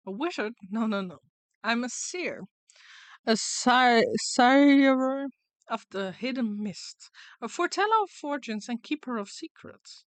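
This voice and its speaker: A woman's voice: fairly high pitch, animated, a little slow, dry recording. A woman voicing a sly serpent fortune-teller from a game in a coaxing, theatrical snake voice. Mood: grandly boastful. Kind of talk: reading video game dialogue in character.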